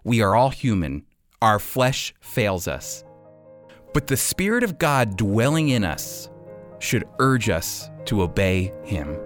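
A man acting as a radio preacher and host teaches and comments, speaking emphatically and deliberately with weighty pauses. His lowish voice has a sing-song quality, with faint music in the background.

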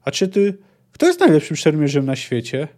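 A man's voice: huge pitch swings, moderate pace, darkish tone. A man reading a book aloud and voicing a curious, stubborn young girl who is learning the sword. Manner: reading a book's dialogue aloud, raised pitch for the girl.

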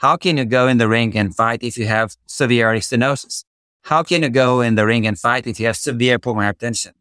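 A middle-aged man with a Romanian accent speaks with conviction, stacking rhetorical questions and vivid analogies. His voice sits at a middling pitch, and the recording is close and dry with no room sound. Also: quick pace, fairly bright tone, smooth, dry recording. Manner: passionate, uses boxing analogies, rhetorical questions. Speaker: guest cardiologist. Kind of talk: podcast interview, expert explanation.

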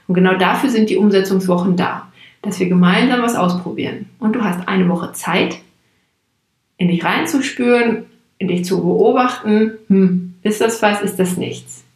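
A woman's voice: mid-range voice, moderate pace, darkish tone. A woman personal trainer giving motivational coaching talk, encouraging and repeating words for emphasis. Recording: echoey room.

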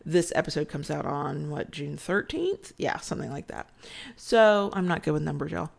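Nasal and stuffed up from a sinus cold, an adult woman with children hosts a casual late-night podcast, tired and chatty, rambling and restarting sentences often. Her deep voice carries vocal fry at a moderate pace.

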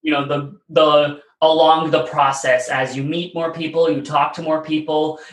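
On the high side and level in tone, his voice moves at a moderate pace as he rambles through stories for an interviewer. He's an American in his late twenties whose speech is full of "like" and "you know," captured in an echoey room.

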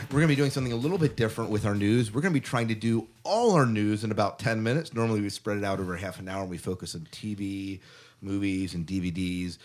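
A man with a lowish voice hosts a podcast, talking fast and casually as he goes through headlines and prompts his co-hosts with questions. Faint music plays behind him in this conversational chat.

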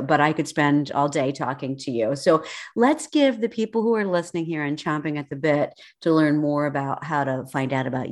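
Low-voiced, affirming woman podcast host. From United States. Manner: warm, affirming, upbeat sign-off. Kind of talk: podcast interview.

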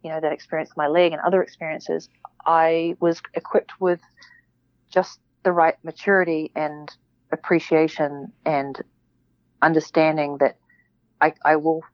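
A woman's voice: deep voice, flat delivery, moderate pace, dry recording, lo-fi sound. A woman, a podcast guest, talking reflectively in casual interview chat, with many restarts and fillers.

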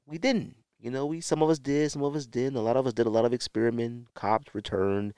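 Speaking unscripted to the camera, a sneaker podcast host does casual show-and-tell, rambling somewhat and self-correcting as he shows things. He has a fairly low, clear, resonant voice. The studio sound is clean, with no room sound.

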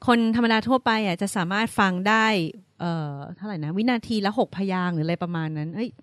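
A woman co-hosting a casual podcast chat, explaining research findings in a relaxed way. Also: mid-range voice, fast, no echo. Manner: explains research points, laughs easily. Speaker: podcast co-host.

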